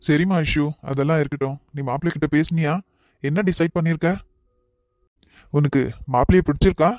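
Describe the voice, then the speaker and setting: A man voicing a worried, affectionate father in a cartoon, talking to his daughter in a soft, pleading way. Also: a little high, steady tone, brisk, dry recording, clean studio sound, close to an everyday voice. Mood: tender.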